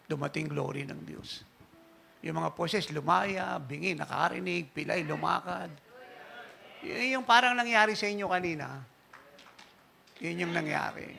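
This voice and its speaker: Guy preaching at church, really gravelly and sharp sounding, tells stories and laughs along. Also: sits high, a little hiss or hum. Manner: animated anecdotal preaching, laughing at his own story. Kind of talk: storytelling sermon. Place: church service.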